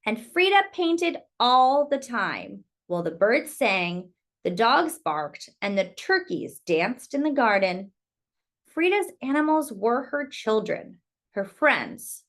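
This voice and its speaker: A woman whose voice sits fairly high and is full of animation reads a picture book to small children. She tells the tale with lots of expression, breaking off to exclaim and make side comments to her listeners about the pictures.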